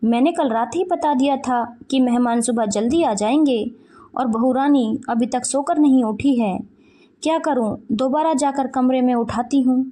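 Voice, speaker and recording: A woman voicing a worried, patient middle-aged mother-in-law who gently pleads with her daughter-in-law. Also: sits high, normal speed.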